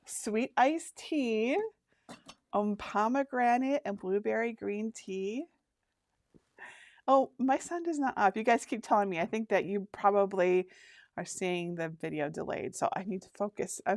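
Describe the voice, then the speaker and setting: A woman's voice: medium pitch, dry recording, studio quality. A woman in her fifties hosting a casual livestream, chatting with viewers and reading their comments aloud. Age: 50s. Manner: chatty, reads viewer comments aloud, frequent restarts and laughs. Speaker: craft workshop host.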